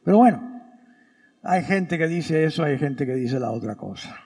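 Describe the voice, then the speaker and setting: Brief: middle-aged male priest, high gravelly voice, slow emphatic sermon, church reverb. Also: animated, dark tone. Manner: storytelling with quoted voices, emphatic pauses.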